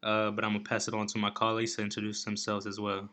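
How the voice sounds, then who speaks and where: A nineteen-year-old man from California talks through a casual podcast chat with a bright, forceful tone. He stays laid-back and slangy and rambles through fillers and restarts. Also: lowish voice, monotone, fast talker. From California, USA. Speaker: podcast co-host.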